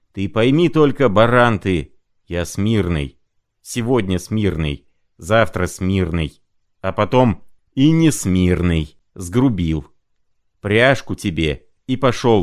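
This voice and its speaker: A man's voice: low voice, lively intonation, slow pace. A man doing a muddled feverish old clerk. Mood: muddled, pleading. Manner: rambling, broken muddled phrases.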